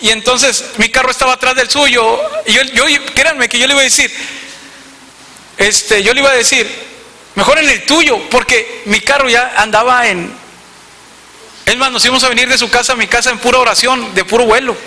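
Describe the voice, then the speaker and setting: Mexican pastor guy, really high bright voice, preaching in an echoey church hall. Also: moderate pace. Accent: northern Mexican Spanish. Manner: storytelling, animated, addresses congregation directly. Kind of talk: sermon.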